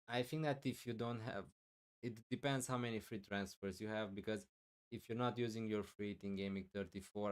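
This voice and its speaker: On his live stream, a low-voiced man who covers fantasy football answers questions from chat, speaking loudly and filling his thinking-out-loud with lots of fillers. His tone is clear and resonant, though his voice is going and he clears his throat.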